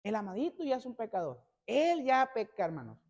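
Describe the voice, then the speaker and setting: A male pastor preaching a sermon, constantly addressing the congregation as brothers and building to loud, emphatic passages. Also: very high-pitched, huge pitch swings, a little fast. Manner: peppers every phrase with "hermanos".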